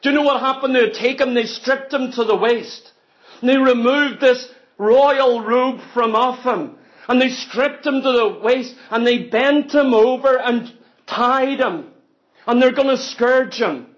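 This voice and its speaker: A man with a very high, unhurried voice preaches an impassioned sermon. He tells the story dramatically and presses each point with emphatic repetition. The recording is dull and lo-fi.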